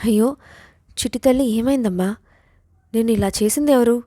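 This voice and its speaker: A woman's voice: a little high, normal speed, dark tone, no echo, lightly acted. Woman playing a worried mother, pleading, anxious, middle-aged, dry close sound. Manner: anxious, begging.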